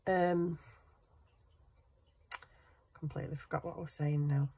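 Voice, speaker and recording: A middle-aged craft channel host, husky and congested from a cold and sniffing now and then, chats casually and self-deprecatingly as she hand sews indoors at a cluttered craft table. Her low voice is warm, with fairly even intonation and a measured pace.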